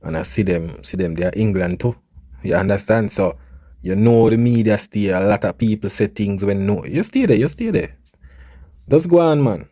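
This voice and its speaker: A man's voice: lowish voice, moderate pace, mellow, no echo, clean studio sound. A man with a Jamaican accent giving casual, emphatic commentary on entertainment news and speaking straight to his viewers. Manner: conversational, emphatic, addresses viewers directly.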